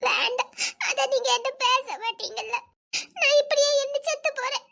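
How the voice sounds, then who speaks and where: A woman's voice: very high-pitched, steady tone, fairly quick, vocal fry, sharp tone, heavily acted. A woman with a Tirunelveli Tamil accent playing a heartbroken young woman who pleads tearfully, with nervous laughs. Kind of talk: romantic short-drama acting.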